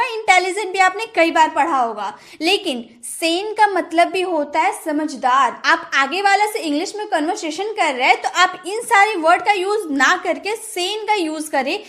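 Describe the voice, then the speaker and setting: Woman teacher, Indian accent, high voice, careful repetitive vocabulary lesson. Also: a bit bright. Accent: Indian English. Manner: slow, repeats each word, spells out example sentences. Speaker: English teacher.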